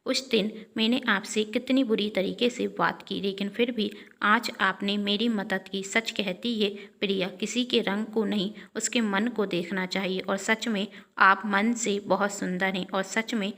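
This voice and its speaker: An earnest young woman in a spoken family story, apologizing with sincere feeling and pleading warmth, as a woman narrator reads her lines. The voice stays near the reader's own, at ordinary pitch. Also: steady tone, unhurried.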